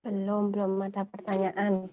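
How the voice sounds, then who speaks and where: A woman student giving slow, hesitant answers in an online class. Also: medium pitch, completely flat delivery, phone-quality sound, very noisy.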